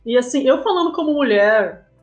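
A woman with a Brazilian accent, a comic artist and game writer, chats casually as a guest on a podcast interview, often using tag questions to check for agreement. Her voice is on the high side with lively intonation and a moderate pace, over soft background music.

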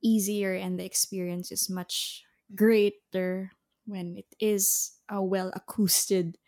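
A soprano opera singer from the Philippines chats as a guest in a casual interview. Her soft, medium-pitched voice stays level and slow, and she sounds hesitant, with many fillers, restarts, and the occasional laugh.

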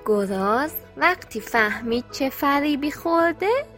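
Gentle woman reading a children's story. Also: high-pitched, lively intonation. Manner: gentle, clear, friendly storytelling. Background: soft background music.

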